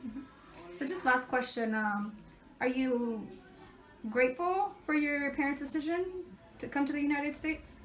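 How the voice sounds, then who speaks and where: A woman's voice: high voice, steady tone, a little slow, low-quality recording. A woman interviewer asking prepared questions hesitantly, with many ums. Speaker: student interviewer.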